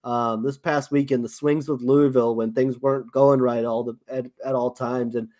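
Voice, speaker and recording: South African man, halting sports chat. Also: mid-range voice, flat delivery, a little mellow. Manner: halting, many fillers and restarts. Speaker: podcast co-host.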